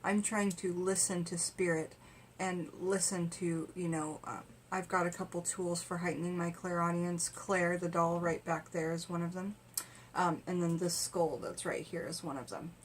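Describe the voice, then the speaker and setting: A woman's voice: on the low side, fairly even intonation, normal speed, a little hiss or hum. A woman vlogging about tarot from home in a rambling, conversational way, full of fillers and restarts. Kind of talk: casual chat.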